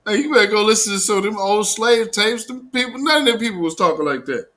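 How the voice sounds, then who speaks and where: Fast-talking and expressive, a man with a high, bright, forceful voice runs a live commentary show. He's American, from Portland, Oregon, and his delivery is casual, opinionated, sarcastic and mocking.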